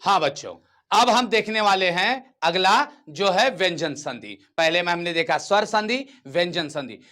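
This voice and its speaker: A man's voice: high voice, expressive, pushed and bright. A man teaching a grammar lesson to children, stretching out words and often asking whether they follow. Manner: repeats words slowly and checks understanding.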